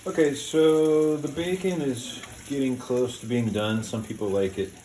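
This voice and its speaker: A man hosting a casual cooking video in a home kitchen, talking step by step in a relaxed, plain way with many "uh"s and "um"s. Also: medium pitch, a little slow. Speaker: home cooking show host.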